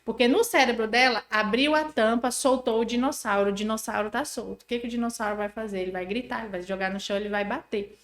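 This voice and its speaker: Woman, parenting educator on a podcast, animated and didactic, higher voice, echoey room. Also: fast talker, few pauses. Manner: didactic, animated, acts out examples. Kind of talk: explanatory podcast conversation.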